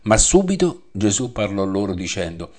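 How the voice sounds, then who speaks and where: A man teaching a Bible study, reading scripture aloud and explaining it in a measured way that repeats the references. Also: on the low side, big pitch swings, a little mellow.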